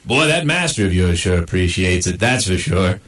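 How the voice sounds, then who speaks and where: A man voicing a laid-back male cowboy hound dog with a slow, folksy drawl. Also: sits low, big pitch swings, a bit bright, pitched below the performer's own voice. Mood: easygoing. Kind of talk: comic voice acting.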